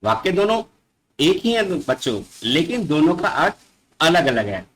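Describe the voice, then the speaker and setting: A male schoolteacher talks young children through a grammar lesson, unhurried and patient. His pitch sits a little high and swings widely as he stresses key words. He keeps checking that they follow and reads each definition twice. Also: very animated, fairly bright tone, poor audio. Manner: patient, addresses the children often and repeats definitions. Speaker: school teacher.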